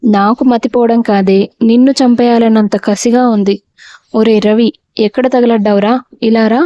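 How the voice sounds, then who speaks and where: A woman's voice: fairly high pitch, fairly even intonation, normal speed, warm tone, no room sound, close to an everyday voice. A woman voicing a greedy, harsh middle-aged mother-in-law who scolds and insults, in an audio storybook. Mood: harsh scolding. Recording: dull, dry lo-fi recording.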